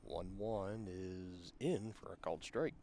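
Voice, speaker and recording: A man doing play-by-play commentary for a high school baseball game, conversational and explaining rules at length. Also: takes it slowly, warm tone, a little hiss or hum. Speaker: play-by-play announcer. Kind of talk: sports commentary.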